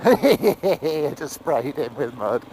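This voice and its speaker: A fairly high-voiced man talks from inside a motorcycle helmet, caught on a helmet mic. He keeps up a whooping, laughing commentary while he rides a dirt trail outdoors. Faint engine and wind noise runs under his voice. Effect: talking inside a motorcycle helmet. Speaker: dirt bike rider filming his ride. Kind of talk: casual commentary while riding.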